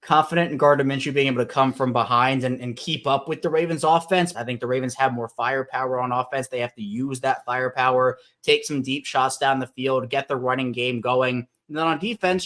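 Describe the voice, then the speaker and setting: Man, podcast host, casual sports chat, mid-pitched voice, restarts as he thinks. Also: fairly bright tone. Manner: conversational, thinks aloud with restarts. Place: Baltimore.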